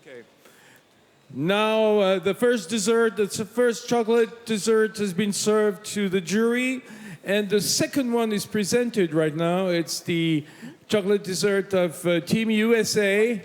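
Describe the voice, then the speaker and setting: A man's voice: high voice, measured pace. A man commentating a live pastry contest, hesitant and full of fillers. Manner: hesitant, many fillers, switching to English. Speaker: event commentator. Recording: long hall reverb.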